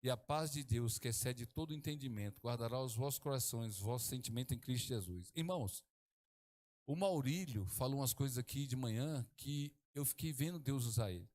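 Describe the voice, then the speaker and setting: A middle-aged man from Brazil, preaching a sermon as pastor, swinging from hushed to exclaiming. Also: medium pitch, a little fast.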